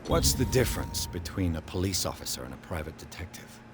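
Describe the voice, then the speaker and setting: An actor playing a composed, inquisitive private detective in a video game, with measured, formal speech. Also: male voice, deep voice, very animated, background noise. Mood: probing, composed.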